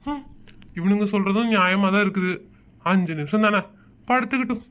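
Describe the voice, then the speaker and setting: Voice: medium pitch, a little fast, a bit bright, highs cut off, natural voice. A performer voicing a harried office-going father in a cartoon comedy, grumbling at his wife and threatening his son. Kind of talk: Tamil cartoon comedy dub.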